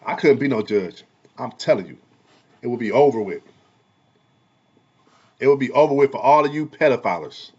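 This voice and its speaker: A man's voice: medium pitch, expressive, normal speed, long pauses, breathy edge. Heated, preachy man in lo-fi audio. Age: adult parent. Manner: heated, preachy, repeats himself, swings loud and soft. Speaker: vlogger and barber. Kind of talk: casual commentary vlog.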